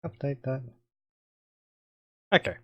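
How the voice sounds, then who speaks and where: A man's voice: slow pace, no echo, dull audio, faint music behind. A man hosting a casual strategy game playthrough, musing aloud and joking as he plays. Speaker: gaming video host.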